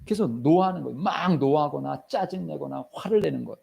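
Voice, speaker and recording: A man preaching a sermon as pastor in a church, swinging between loud calls and hushed, near-whispered lines, and acting out short prayers and scenes. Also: a little high, expressive, brisk, creaky, husky.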